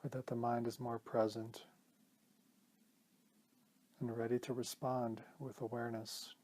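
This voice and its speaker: Calm and gentle, a man with a mid-range voice leads a guided meditation as its teacher, taking his time and leaving pauses between phrases.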